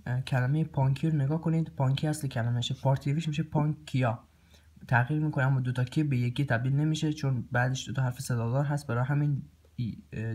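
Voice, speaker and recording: A man teaching a recorded grammar lesson. He pauses often with filler sounds and clears his throat now and then. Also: medium pitch, darkish tone. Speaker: language teacher.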